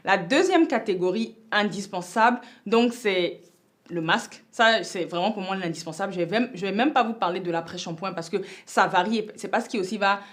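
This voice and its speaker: A woman giving a casual hair-care tutorial as a vlogger. She explains with emphatic, lively stress on key advice and chats freely with frequent fillers and restarts. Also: mid-range voice, brisk. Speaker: beauty vlogger.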